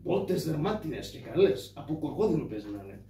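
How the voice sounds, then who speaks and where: Karagiozis, a man doing a cheeky high-voiced trickster. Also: sing-song, warm tone. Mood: bantering. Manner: joking, mock town-crier hollering. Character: cheeky poor trickster man, boastful joker. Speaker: shadow puppeteer. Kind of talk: live shadow puppet theatre. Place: live stage. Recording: echoey distant stage mic, faint ambience.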